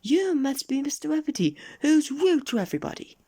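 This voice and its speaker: A man's voice: very high voice, very animated, brisk, dark tone, voice pushed up, full character voice. A man voicing a small, cheeky male goblin who teases in a sing-song way, in a children's storybook. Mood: cheeky, teasing.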